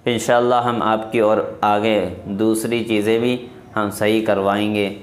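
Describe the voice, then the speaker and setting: Male religious teacher, lowish voice, chants phrases slowly and explains fast, roomy echo. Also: flat delivery. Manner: slow drawn-out recitation between quick explanations. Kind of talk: recitation lesson.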